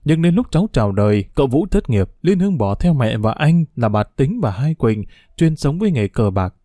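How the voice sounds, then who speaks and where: Man reading as a solemn older woman, grave and caring, mellow low tone, dry close sound. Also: big pitch swings, normal speed, dry recording. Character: older woman, stern but caring family servant.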